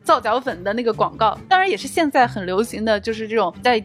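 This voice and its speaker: A woman's voice: a little high, animated, fast talker, fairly bright tone. A woman co-hosting a podcast, retelling scenes in casual chat and laughing between points. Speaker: podcast co-host.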